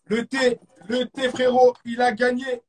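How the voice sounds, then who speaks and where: Hyped husky French stream host. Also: male voice, very high voice, monotone, a little slow. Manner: hyped, repeats catchphrases, mixes English exclamations. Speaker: host of a live stream show. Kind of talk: casual live-stream hosting with quiz games. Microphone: phone or webcam on a live stream.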